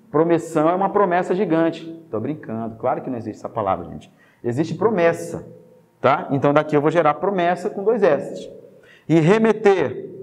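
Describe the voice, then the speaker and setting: A man with a Brazilian Portuguese accent teaching a spelling lesson, lively and jokey, checking in with the class through quick tag questions. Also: a little high, big-room sound.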